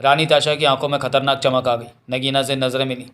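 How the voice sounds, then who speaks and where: Guy reading a novel out loud, pretty monotone, same voice for everyone. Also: medium pitch, fairly quick. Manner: reads all characters in a nearly even voice. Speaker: audiobook narrator. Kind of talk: scripted novel narration.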